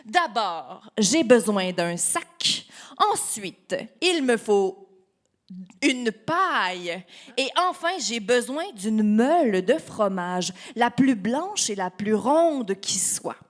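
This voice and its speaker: A woman's voice: medium pitch, sing-song, slow. A woman voicing a small, brave and cunning male lumberjack. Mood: confident.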